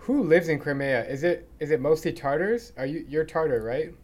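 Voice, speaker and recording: A podcast host with a fairly high, darkish voice conducts a casual interview, asking questions with easygoing curiosity. He reacts openly and quickly to the answers he hears.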